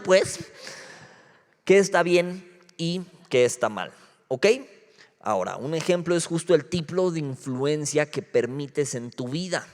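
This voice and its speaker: Slangy young pastor with a Mexico City accent. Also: male voice, on the high side. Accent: Mexico City Spanish. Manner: joking, slangy, peppered with rhetorical check-ins. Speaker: youth pastor. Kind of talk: casual youth sermon. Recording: long hall reverb.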